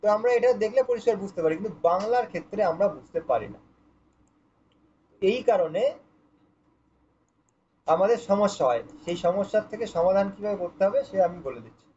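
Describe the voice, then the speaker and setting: A man's voice: high voice, expressive, brisk, pauses often, warm tone, highs cut off. A man teaching pronunciation for scripture recitation, patiently demonstrating and repeating each sound for his students. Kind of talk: online pronunciation lesson.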